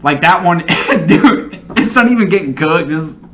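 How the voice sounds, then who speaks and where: A man's voice: a little high, expressive, measured pace, noisy background. A man giving casual, rambling, profanity-laced reaction commentary with strong opinions and an easy tendency to laugh. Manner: often breaks into laughter. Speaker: reaction video host.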